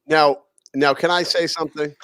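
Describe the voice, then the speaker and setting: A man co-hosting a casual podcast chat in a relaxed way, often calling his co-host dude. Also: fairly high pitch, moderate pace, smooth. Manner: relaxed, says dude a lot.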